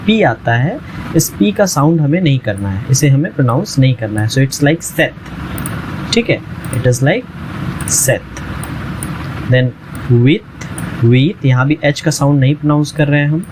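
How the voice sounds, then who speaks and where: A man teaching a language lesson, patiently repeating each word slowly and often checking that the learner follows. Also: fairly high pitch, lively intonation, background noise. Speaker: French teacher. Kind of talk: language lesson explained in Hindi.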